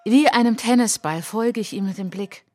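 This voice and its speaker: In a radio play monologue, an actress plays a reflective French traveller, her delivery measured, intimate, and literary. She speaks in a natural, medium-pitched voice with a dark tone, sounding lonely and hurt.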